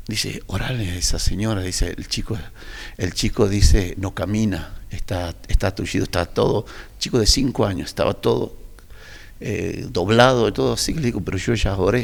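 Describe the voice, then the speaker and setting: A male pastor with an Argentine accent recounts his experiences, voicing the people in them as he goes. His voice sits low and has a gravelly edge. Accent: Argentine Spanish. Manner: animated storyteller, acts out dialogue. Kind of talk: interview storytelling.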